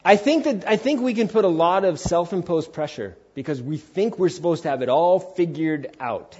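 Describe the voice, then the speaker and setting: A slightly high, somewhat mellow voice with a breathy edge and lively intonation belongs to a man in his forties, preaching at normal speed on lo-fi sound. He stays emphatic and conversational, with rhetorical questions, acted-out quotes and casual asides.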